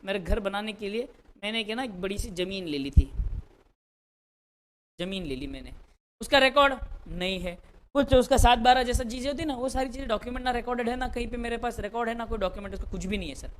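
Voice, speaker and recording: A man's voice: very high voice, fast, a little hiss or hum. A man teaching an accounts lecture live, joking with his viewers and repeating words for effect. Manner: playful, jokey, acts out little scenes.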